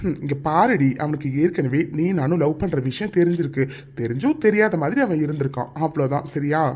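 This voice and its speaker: A man's voice: on the high side, expressive, brisk, darkish tone, slightly rough. Teasing, exasperated young cartoon lover voiced by a man. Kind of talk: cartoon dialogue.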